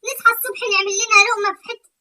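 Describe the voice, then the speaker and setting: A woman's voice: very high-pitched, fairly even intonation, rapid-fire, bright, forceful tone, recorded from a distance, full character voice. A woman voicing an indignant Egyptian mother-in-law who eggs on her friend's gossip, with an Egyptian accent. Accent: Egyptian Arabic. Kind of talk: comic sketch dialogue.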